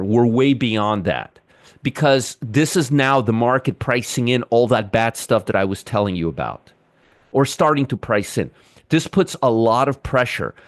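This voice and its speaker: A man's voice: mid-range voice, dry recording. A middle-aged man hosting a live trading show, giving market commentary and answering chat viewers by name, often repeating himself.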